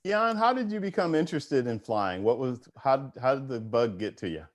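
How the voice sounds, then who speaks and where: A man's voice: mid-range voice, animated, moderate pace. A man asking interview questions in a conversational way, keen on aviation.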